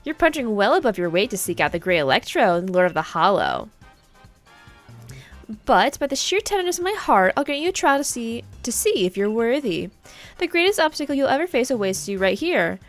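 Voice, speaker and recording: A pompous, haughty young noblewoman from a video game, all lifted tones and a smug Valley Girl drawl, as a female streamer puts her on. She sounds theatrical and self-important, looping up high through her lines. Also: big pitch swings, fairly quick, soft background music.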